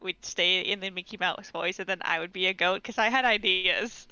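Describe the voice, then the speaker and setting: A woman player in a tabletop game, excitable and giggly in casual chat. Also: fairly low pitch, moderate pace, clear, resonant tone, no echo, muffled recording.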